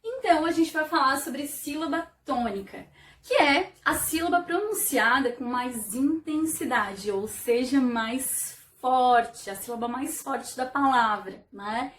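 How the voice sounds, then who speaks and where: A woman teacher giving an online video lesson, explaining slowly and carefully and often checking in with "né?". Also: sits high, lively intonation, slight background noise. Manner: slow, careful explanation with repeated "né?". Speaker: Portuguese teacher. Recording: echoey room, voice from a distance.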